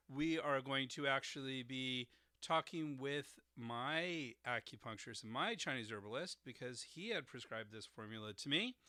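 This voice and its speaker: A man's voice: mid-range voice, sharp tone, no echo, studio quality. A man hosting an educational podcast, carefully explaining terms, spelling out words and tones, with frequent uhs. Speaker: podcast host explaining herbal formulas.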